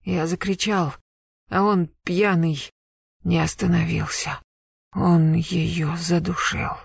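A reader voicing a dazed young man in his early twenties who speaks slowly and quietly, halting in shock. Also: medium pitch, little pitch movement, creaky, husky, dry recording, clean studio sound, heavily acted. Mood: shaken. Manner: hushed, slow, halting.

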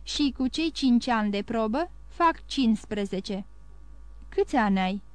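A woman reading the lines of a calm, ironic nobleman who asks dry, probing questions in an audiobook. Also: on the high side, dry recording, lightly acted.

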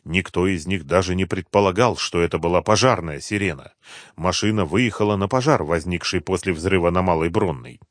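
A man narrating a crime audiobook in an even, measured manner. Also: low-pitched, no echo, clean studio sound.

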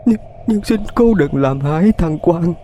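Guy doing a scared old lady stammering and begging, voice way up high and swinging. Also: animated, measured pace, mellow, slight background noise. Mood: pleading. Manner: stammering, pleading, sobbing. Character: terrified guilt-ridden older woman begging a ghost.

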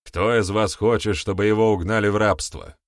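A man's voice: fairly low pitch, steady tone, moderate pace, no echo, clean studio sound, natural voice. A man doing an earnest, raised-voice village sorcerer. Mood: challenging. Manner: pressing, rhetorical, emphatic. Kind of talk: audiobook character voice.

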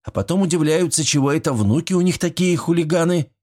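A man voicing a strict, brisk young village medic woman who scolds in a stern way. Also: medium pitch, expressive, darkish tone, husky, pitched above the performer's own voice.

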